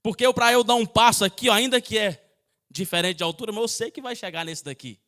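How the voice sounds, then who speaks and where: A man's voice: high voice, fast, fairly bright tone. A man preaching a sermon in church, telling stories and dramatizing the voices in them. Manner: storytelling preaching, dramatizing quoted voices, sometimes singsong. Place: church sanctuary.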